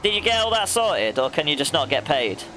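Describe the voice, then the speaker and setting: A man's voice: fairly high pitch, very animated, fairly quick, sharp tone, a little hiss or hum. A young man streaming a racing game, chatting casually, laughing often and addressing viewers by name. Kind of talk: casual chat while gaming.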